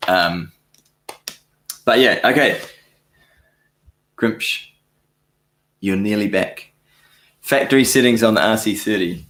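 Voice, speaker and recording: A man's voice: on the low side, slow pace, pauses often, a bit bright, roomy sound. A man hosting a casual live question-and-answer stream, rambling and correcting himself, with frequent chuckles. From New Zealand. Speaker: livestream host answering viewer questions. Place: home studio.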